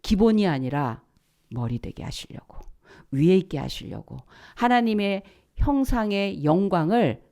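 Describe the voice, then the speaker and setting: Animated woman pastor preaching. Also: mid-range voice, measured pace. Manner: animated preaching that drops to hushed, breathy whispers; rhetorical questions and emphatic repetition. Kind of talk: sermon. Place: church service.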